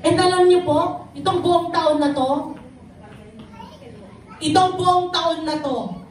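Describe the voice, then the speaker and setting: A woman's voice: extremely high pitch, slow pace, very echoey, distant mic, slight background noise, low-quality recording. A woman with a Filipino accent giving an emotional, earnest personal testimony in church. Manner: emotional, earnest, mixing Tagalog and English. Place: church hall.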